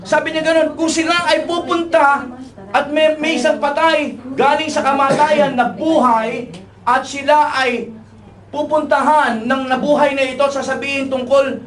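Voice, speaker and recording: A man preaching a sermon, switching between languages and calling out to the congregation for replies. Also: extremely high pitch. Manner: preaching in mixed Tagalog and English, calling for replies. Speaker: pastor. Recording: echoey hall, distant mic, audible congregation.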